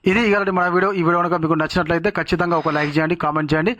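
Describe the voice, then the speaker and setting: A man hosting a news update channel, talking in a rapid, filler-heavy way with frequent restarts. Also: on the high side, fairly even intonation, a bit bright, slight background noise.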